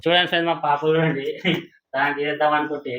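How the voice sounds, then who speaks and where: A man's voice: a little high, little pitch movement, racing, muffled recording. A man, teasing his family and talking to viewers in a casual vlog. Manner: teasing, addresses viewers as friends. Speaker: vlogger, husband pulling a prank.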